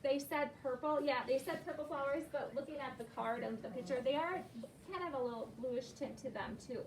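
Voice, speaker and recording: Speaking a little fast in a high-pitched voice, a woman primary teacher runs a read-aloud lesson where she questions the children and echoes and affirms what they say. The recording comes from a distant classroom microphone and is roomy and noisy.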